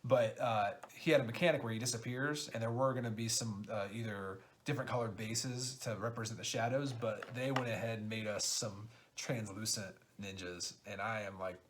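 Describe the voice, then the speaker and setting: A game designer chatting excitedly through an unboxing, halting often with fillers. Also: male voice, fairly low pitch, a little hiss or hum. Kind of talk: casual unboxing chat.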